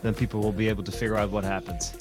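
A man's voice: lowish voice, flat delivery, very fast, soft background music. A man co-hosting a podcast, easygoing and talking with many fillers. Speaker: podcast co-host and drone news writer. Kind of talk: casual podcast chat.

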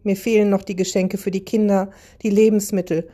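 A woman's voice: medium pitch, little pitch movement, brisk, dark tone, lightly acted. A woman voicing a stressed, frazzled mother fox in a storybook, fretting and muttering anxiously. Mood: fretful. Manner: fretful, frantic.

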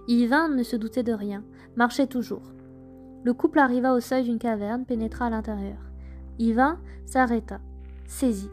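A woman narrating traditional folk tales in a measured, gentle storytelling manner. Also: on the high side, soft background music. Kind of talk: scripted folk tale narration.

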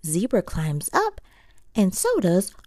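A woman reading a picture book aloud to young children in an expressive, playful storytelling manner. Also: mid-range voice, slow pace, no room sound, clean studio sound. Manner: expressive, playful sound words. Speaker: storybook reader.

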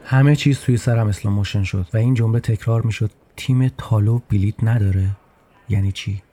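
A man's voice: on the low side, mellow. A man narrating a personal story in a podcast with a wry, humorous touch.

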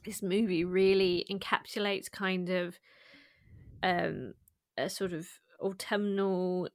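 A woman's voice: fairly low pitch, fairly even intonation, slow pace, dry recording, clean studio sound. A woman chatting informally as a film podcast co-host, feeling her way through her opinions. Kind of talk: casual film chat.

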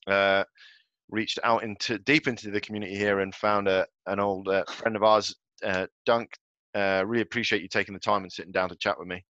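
A man's voice: fairly low pitch, steady tone, brisk, pushed and bright, no room sound, highs cut off. A man speaking informally and conversationally as he hosts a casual interview podcast.

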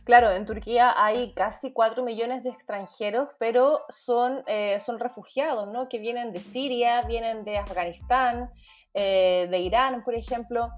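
Woman host asking questions, slightly high voice, halting delivery. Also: steady tone, soft background music. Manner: asks questions with hesitant fillers. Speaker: interviewer. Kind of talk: interview questions.

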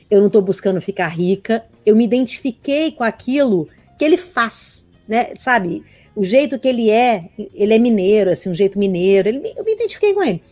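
A woman's voice: mid-range voice, a little mellow, no room sound. A woman in casual conversation, telling stories animatedly and acting out both sides of the dialogue. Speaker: mentor sharing her experience.

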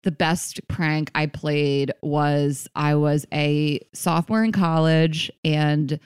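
A woman's voice: deep voice, slow, smooth, dry recording, studio quality. A woman in her thirties from the United States, a podcast host chatting casually and acting out the people in her stories. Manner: animated storyteller, acts out quoted voices. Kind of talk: casual chat.

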